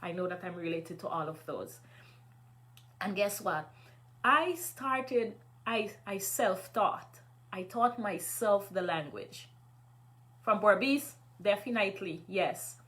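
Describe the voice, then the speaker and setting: A woman's voice: medium pitch, lively intonation, takes it slowly, a bit bright. A middle-aged Guyanese woman hosting a live stream, chatting casually, reading viewer comments and encouraging her listeners. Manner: encouraging, motivational.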